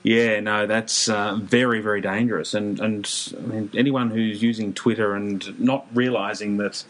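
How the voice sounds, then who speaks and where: A man's voice: fairly low pitch, steady tone, normal speed, fairly bright tone, poor audio. A middle-aged man with an Australian accent talking in a casual chat, earnest and emphatic. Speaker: podcast co-host.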